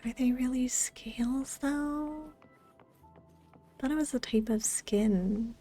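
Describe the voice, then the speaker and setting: While gaming on a live stream, a woman chats warmly and casually, greeting viewers by name in a friendly way. Her voice is fairly high and slow with a warm tone, and game music plays behind her.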